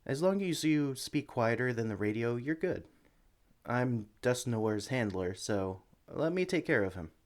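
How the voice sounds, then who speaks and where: A man voices a caring, experienced Pokemon sanctuary worker giving a newcomer the tour in an acted, one-sided ASMR roleplay. His medium-pitched voice is close to an everyday one, a little slow, with lively intonation. He stays upbeat and encouraging, gentle and chatty, cooing to the animals.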